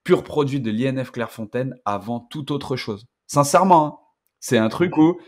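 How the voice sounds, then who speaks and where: Parisian male ex-player, middle pitch, sincere and thoughtful. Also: lively intonation, moderate pace. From Paris, France. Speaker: former footballer, panelist. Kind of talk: casual chat.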